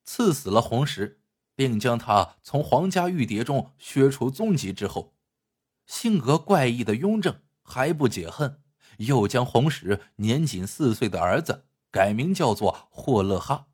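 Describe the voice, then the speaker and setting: A man telling a historical legend with dramatic, expressive narration. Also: mid-range voice, a little slow, breathy edge. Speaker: storyteller.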